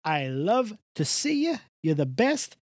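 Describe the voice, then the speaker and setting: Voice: medium pitch, sing-song, a little fast, dry recording, studio quality, close to an everyday voice. A radio co-host voicing a jovial, pushy older Italian-American man who stuffs "a" before every noun and mangles Italian food names. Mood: boastful. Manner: exaggerated sing-song swoops. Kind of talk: comedic bit in a radio show.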